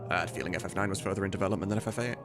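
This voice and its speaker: Racing along in a deep, steady voice, a man who is a streamer and mod voice director thinks aloud informally and swears as he works on a livestream. Music sits behind his voice.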